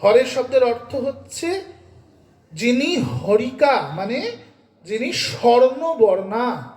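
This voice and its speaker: A man from Bengal preaches with a strikingly high voice, keeping his listeners alert by quizzing them again and again. His sermon rings through a roomy, echoing space. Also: big pitch swings, slow, darkish tone. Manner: quizzes listeners with repeated questions. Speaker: devotional scripture reader and preacher. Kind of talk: devotional sermon with sung chants. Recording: echoey room.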